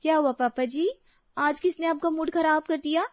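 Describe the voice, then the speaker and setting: A woman's voice: steady tone, moderate pace, no room sound, close to an everyday voice. A woman voicing a sweet, coaxing young daughter-in-law in a storybook tale. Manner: sweet, coaxing, high-pitched. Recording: dry, slightly dull recording.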